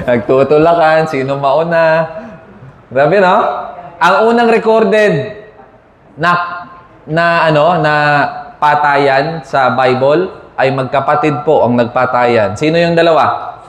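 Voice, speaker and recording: A man preaching a sermon to a congregation in a chatty, joking manner, often asking for an "amen". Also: on the high side. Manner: conversational, asks the congregation for amens and banter. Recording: echoey hall reverb.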